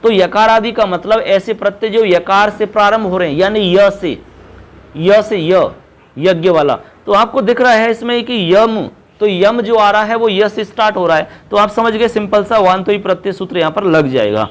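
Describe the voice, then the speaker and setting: A man's voice: high-pitched, normal speed. A man teaching Sanskrit grammar for an exam, explaining step by step and repeating key terms as he addresses his students as children. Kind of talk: exam-prep lesson.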